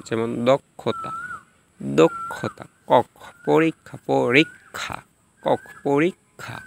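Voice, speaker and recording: A man teaching a recorded lesson, reading out rules and repeating example words slowly and carefully. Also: mid-range voice, creaky. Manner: slow, drawn-out repetition of example words.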